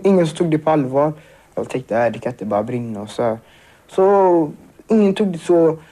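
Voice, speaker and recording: Teenage boy, halting, dark-toned voice. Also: on the high side. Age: teens. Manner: halting, filler-heavy, restarts. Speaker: survivor interviewee. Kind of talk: emotional personal account.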